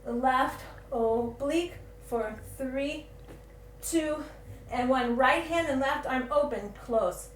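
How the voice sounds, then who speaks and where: A woman's voice: high voice, slow. A woman instructor calling out yoga cues while moving along with the class, a little out of breath at times. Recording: roomy echo, faint ambient noise.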